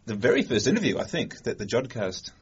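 A man interviewing a scientist, asking questions in a halting way as he searches for words. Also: medium pitch, sing-song, slightly rough. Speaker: podcast interviewer. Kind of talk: conversational interview. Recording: dull lo-fi sound.

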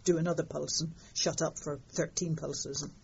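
An older woman, telling stories in an interview in a lively, wry way. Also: sits low, moderate pace, gravelly, slight background noise. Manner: lively storytelling, fond of understatement. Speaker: interviewed astronomer. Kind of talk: conversational interview. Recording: dull lo-fi sound.

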